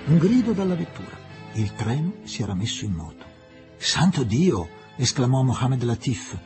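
A man reading a novel aloud as an expressive, dramatic audiobook narrator. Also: mid-range voice, brisk, over loud music.

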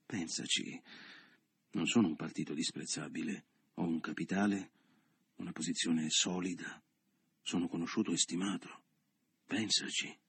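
A man's voice: deep voice, steady tone, moderate pace, husky, no room sound. A man voicing an assertive businessman who coaxes and insists, read in an audiobook. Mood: domineering. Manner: insistent, coaxing. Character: assertive businessman lover, persuasive, domineering. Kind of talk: audiobook character reading.

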